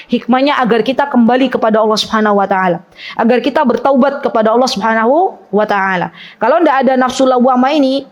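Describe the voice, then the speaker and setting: High-pitched woman teacher, giving a chatty religious talk to a women's circle and quizzing her audience. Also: dull audio. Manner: chatty, asks the audience questions, acts out quoted laments. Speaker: Islamic teacher leading a women's study circle. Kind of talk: conversational religious lecture.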